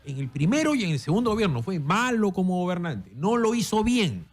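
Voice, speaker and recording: Husky, emphatic Peruvian man. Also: sits high, big pitch swings, fairly quick, faint music behind. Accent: Peruvian Spanish. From Peru. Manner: emphatic, storytelling. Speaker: interview guest. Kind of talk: animated political conversation.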